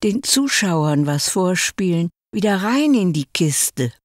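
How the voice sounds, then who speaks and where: A woman voicing an eager, bossy tall puppet in a read-aloud fairy tale, in a lively, raised voice. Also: on the low side, slow pace, no room sound, studio quality, pitched above the performer's own voice, full character voice. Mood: restless, eager. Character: cheeky restless tall male puppet.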